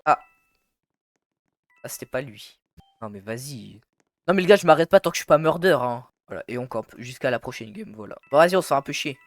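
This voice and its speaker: A man's voice: mid-range voice, expressive, fast talker, no echo. A young man giving casual, playful gameplay commentary, teasing and slangy, talking straight to his viewers. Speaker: gaming YouTuber. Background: faint background music.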